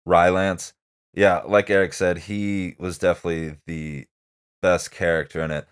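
A man reviewing a movie in casual podcast chat, halting and rambling with lots of fillers. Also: deep voice, little pitch movement, clear, resonant tone.

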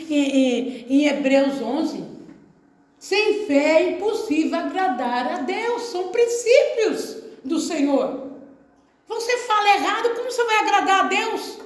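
A woman pastor from Brazil preaching a sermon emphatically, repeating phrases and calling out to the congregation for an amen. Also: extremely high pitch. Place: church service. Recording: very echoey church hall.

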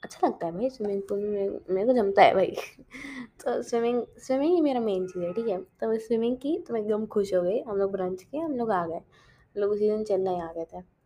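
A woman's voice: medium pitch, expressive, a little fast, dark tone, husky. A teenage girl chatting casually in a diary-style vlog, mixing in English and often correcting herself mid-sentence. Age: teens. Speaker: vlogger.

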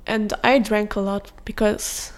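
A young woman hosting a podcast and telling a personal story in a candid, confessional way, with soft fillers. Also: medium pitch, flat delivery, measured pace. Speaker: podcast host.

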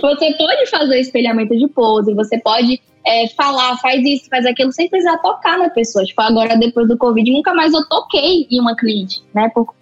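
A woman with a Brazilian Portuguese accent, a photographer chatting casually as a podcast guest, talkative and animated with lots of fillers. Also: on the high side, moderate pace, few pauses, muffled recording, faint music behind.

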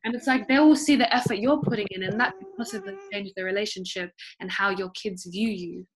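A woman's voice: mid-range voice, brisk, slight background noise. A woman hosting a casual chat, asking encouraging, upbeat questions.

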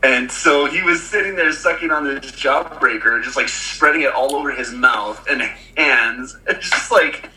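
A man in his thirties chats casually as a podcast co-host. His voice is very bright and has a middle pitch. He rambles through a story with plenty of fillers and restarts. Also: moderate pace, hardly any pauses, low-quality recording. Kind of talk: casual chat.

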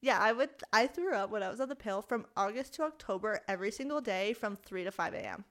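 A woman's voice: medium pitch, lively intonation, quick pace. A woman in her twenties co-hosting a podcast, chatty and storytelling, swearing and laughing often. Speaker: podcast co-host. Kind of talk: casual chat.

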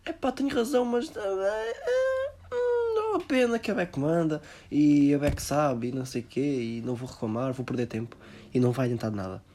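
A man with a European Portuguese accent voicing a whiny, resigned adult complainer who whimpers in a high, breaking voice. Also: fairly even intonation, brisk, dark tone, a little hiss or hum, close to an everyday voice. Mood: whimpering.

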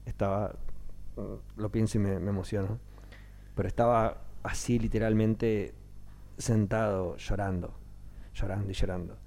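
Speaking at a measured pace with frequent pauses, this man has a lowish voice and a Rioplatense Spanish accent. He's a stage actor in his thirties chatting casually in an interview, animatedly performing the voices of those he quotes.

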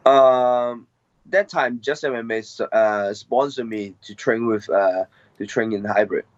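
Here a guest MMA fighter, a young Hong Kong-accented man, chats in an informal interview with a mid-range voice. He is hesitant, his non-native English halting and padded with fillers, and the lo-fi audio comes across dull and dry with no room sound.

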